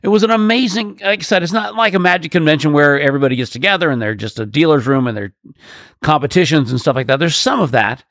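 A man's voice: a little high, quick pace, fairly bright tone, dry recording, clean studio sound. A man co-hosting a casual podcast chat, telling stories animatedly and laughing often. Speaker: podcast co-host and performer.

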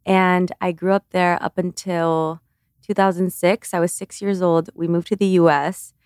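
A Cuban-born woman in her twenties, a beauty creator appearing as an interview guest, talks in a chatty, earnest way, saying "like" often and restarting sentences. Her voice is fairly low, level, measured, a little mellow, clear and resonant. The studio sound is clean with no echo.

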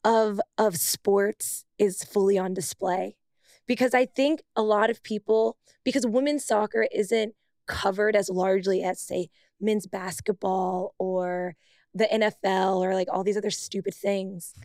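A young woman co-hosting a casual sports podcast, animated and emphatic, laughing often. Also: mid-range voice, moderate pace, no room sound, clean studio sound. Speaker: podcast co-host, former pro soccer player. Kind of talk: casual chat.

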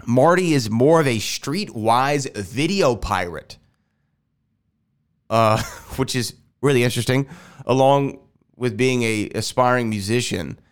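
This mid-range, clean-toned voice belongs to a Houston man doing a casual podcast by himself in an air-conditioned house. He takes his time, meandering and correcting himself, and sounds nasal because he's recovering from a sinus infection.

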